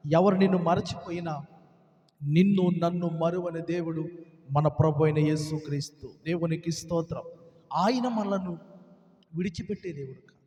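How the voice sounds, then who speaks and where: Impassioned high-voiced male preacher, echoey hall. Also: a little mellow. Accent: Telugu. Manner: impassioned, calls out to listeners, acts out the voices of the story. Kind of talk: sermon.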